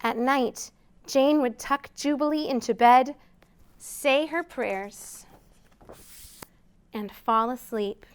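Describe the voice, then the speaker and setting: At a library storytime, a woman reads aloud to young children with lots of expression and prompts them with simple questions. Her voice sits high and sounds clear and resonant, and she speaks slowly with long pauses.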